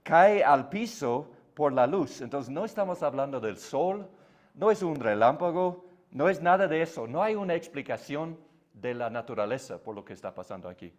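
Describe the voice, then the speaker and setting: A man's voice: a little high, lively intonation, normal speed. A man whose first language is English, teaching a Bible class in Spanish with patient explanations and frequent tag questions.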